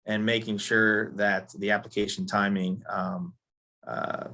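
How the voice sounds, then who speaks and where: A man giving a technical lecture on weed control, losing his voice and often clearing his throat, halting with fillers. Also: lowish voice, fairly bright tone. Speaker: turf science presenter.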